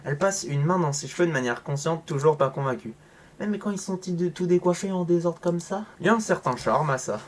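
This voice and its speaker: A man's voice: on the high side, a little fast, a little hiss or hum. Sarcastic young man reading a game. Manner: sarcastic, jumps between flat reading and loud outbursts. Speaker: gaming YouTuber reading a visual novel aloud. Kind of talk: casual let's-play commentary and reading. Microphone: home microphone.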